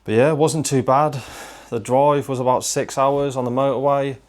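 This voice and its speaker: A man's voice: mid-range voice, steady tone, normal speed, darkish tone, no echo. A young man chatting casually on a travel vlog, tired from a long drive. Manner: chatty, tired, self-deprecating. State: worn out from driving. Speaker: game collecting vlogger.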